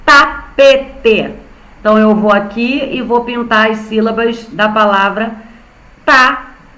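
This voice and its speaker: A woman's voice: medium pitch, flat delivery, normal speed, a bit bright, echoey room, low-quality recording. A young Brazilian woman teaching an online class to small children, patiently spelling out syllables. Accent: Brazilian Portuguese. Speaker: primary school teacher.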